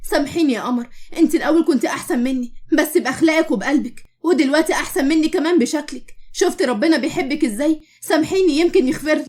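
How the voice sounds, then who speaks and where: A woman voicing a vain, spiteful young woman with an Egyptian accent, sharp and boastful. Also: sits high, quick pace, few pauses, slight background noise, lightly acted. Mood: remorseful. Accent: Egyptian Arabic.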